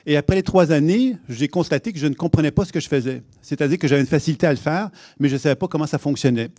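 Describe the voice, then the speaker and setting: Québécois man, higher voice, lecturing at a conference, halting with many restarts, close and dry sound. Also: dark tone, no echo. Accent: Québécois French. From Quebec. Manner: hesitant, many restarts and fillers. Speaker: conference speaker. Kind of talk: public lecture. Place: conference hall.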